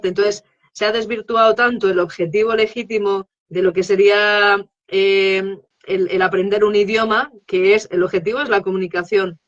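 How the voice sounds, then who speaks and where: A woman's voice: medium pitch, steady tone, moderate pace, muffled recording. A woman, a guest expert on English teaching, explaining her method in a live interview and checking in often with tag questions.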